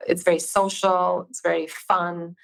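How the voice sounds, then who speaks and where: A woman with a fairly low voice and a gravelly edge is a guest on an interview podcast. She states her opinions directly and with emphasis. She is speaking over a video call. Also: level tone, a little slow, poor audio. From Albania. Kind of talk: casual interview chat.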